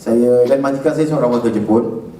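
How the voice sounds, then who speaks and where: A man's voice: mid-range voice, a little fast, dark tone. A middle-aged man with a Malaysian Malay accent gives a humorous public talk, teasing the audience as he tells his story as a transplant recipient. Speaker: liver transplant recipient speaker. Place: lecture hall. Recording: echoey lecture hall, far from mic.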